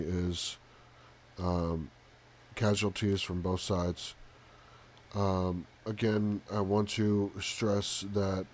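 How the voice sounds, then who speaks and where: A soft-spoken man hosting a live stream with casual commentary, halting often with pauses and ums. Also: low voice, slight background noise. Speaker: live talk show host.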